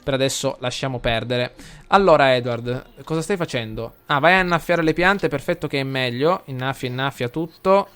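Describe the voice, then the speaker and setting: A man with an Italian accent commentating a life simulation game for his viewers, chatty, talking to the audience and getting loud and excited during the action. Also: medium pitch, normal speed, clean tone. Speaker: gameplay commentator. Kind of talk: let's play commentary.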